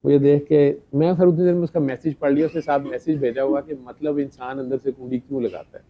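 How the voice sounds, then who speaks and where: In a dull lo-fi recording, a middle-aged man with a fairly high voice and vocal fry tells a gathering a chatty anecdote at a quick pace. His intonation stays fairly even as he acts out the dialogue and laughs between lines.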